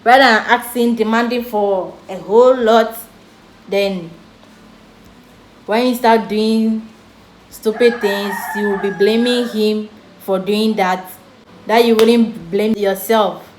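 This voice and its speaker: Slow-talking Ghanaian woman, echoey room. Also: medium pitch, fairly even intonation. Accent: Ghanaian English. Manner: slow, chatty, jokes and laughs about serious things. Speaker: vlogger. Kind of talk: storytime vlog. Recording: echoey room with faint background noise.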